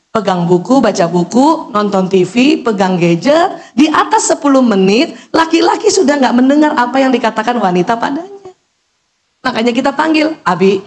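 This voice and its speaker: Gender: woman. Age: middle-aged. Style: lively parenting lecture. Pitch: high. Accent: Indonesian. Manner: animated, acts out calls and quotes, talks directly to mothers in the audience. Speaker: doctor giving a parenting talk.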